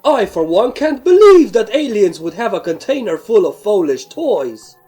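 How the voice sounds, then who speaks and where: Woman voicing Golden, a loud haughty stallion. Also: mid-range voice, sing-song, normal speed, breathy edge, soft background music, pitched above the performer's own voice. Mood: scornful.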